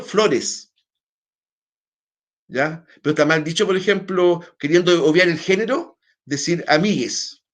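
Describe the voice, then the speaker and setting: A man's fairly bright voice, on the high side, carries a lengthy online lesson in Chilean Spanish. He talks on loosely, with hesitant restarts, frequently checking in through tag questions.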